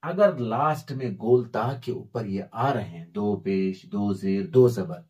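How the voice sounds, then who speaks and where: A man teaching Quran reading step by step, spelling out letters and reciting words slowly, asking and answering his own questions. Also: lowish voice, expressive, warm tone, highs cut off.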